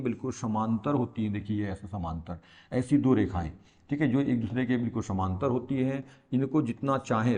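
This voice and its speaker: Man, maths teacher, patient board lesson, Indian accent, repeats points, asks the class questions, average pitch. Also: warm tone. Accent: Hindi-speaking India. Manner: repetitive, patient explaining with rhetorical questions.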